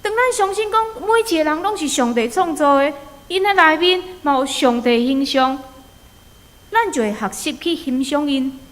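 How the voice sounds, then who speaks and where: A woman preacher with a Taiwanese accent delivers a sermon in a fairly high voice. She moves between storytelling and exhortation, often posing rhetorical questions. Her words ring out with the long reverberation of a hall. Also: expressive, normal speed.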